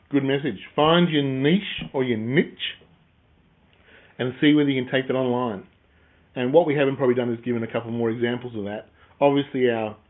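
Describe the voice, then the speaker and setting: Guy cohost chatting business, jokey storyteller, sounds like a phone line. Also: mid-range voice. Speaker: podcast co-host. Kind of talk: casual business chat.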